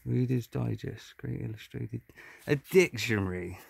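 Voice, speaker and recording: Recorded on a handheld phone or camera inside a dusty, cluttered abandoned house, this man mutters sweary, offhand commentary to himself and his audience. He's an urban explorer with a medium-pitched voice, unhurried and marked by vocal fry. Clicks and noise run through the handheld audio.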